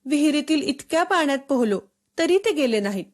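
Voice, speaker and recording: A woman's voice: high voice, expressive, slow pace, voice pushed up. A woman doing a tearful, stubborn little boy. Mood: sulky. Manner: pleading, whiny cries. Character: frightened young village boy, stubborn and tearful. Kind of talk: storybook reading.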